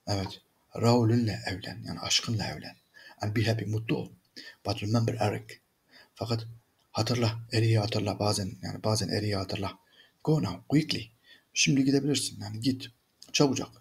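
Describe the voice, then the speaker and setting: A man's voice: fairly low pitch, vocal fry, husky. A man teaching, who reads a story in English, then translates and explains each line, often turning to his listeners as friends. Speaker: English teacher reading and translating a graded reader. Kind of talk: reading aloud in English and translating into Turkish.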